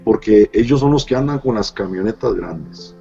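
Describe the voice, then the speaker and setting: A man's voice: on the low side, animated, moderate pace, vocal fry, dark tone. Man, middle-aged pastor, earnest testimony, hesitant fillers, dull lo-fi sound, faint music behind. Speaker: pastor, interview guest. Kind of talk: personal testimony in an interview. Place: Costa Rica.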